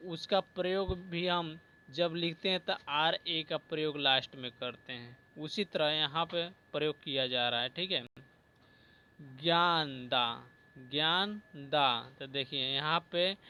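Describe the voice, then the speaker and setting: A male teacher giving a slow spelling lesson, repeating each word and often adding "ठीक है". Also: fairly high pitch, bright, forceful tone, clear, resonant tone.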